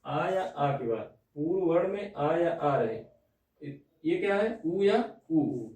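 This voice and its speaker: A man's voice: fairly high pitch, lively intonation, slow, darkish tone. A man teaching a classroom grammar lesson, asking questions and checking that his students follow. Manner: checks understanding with repeated "theek hai na?". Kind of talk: classroom lecture on Hindi grammar. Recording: echoey room, distant mic.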